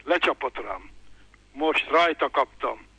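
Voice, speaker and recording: A man reads his own comic story in a dry, deadpan way. His voice is bright and slightly husky. The recording is dry and close. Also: medium pitch, no echo, rough recording.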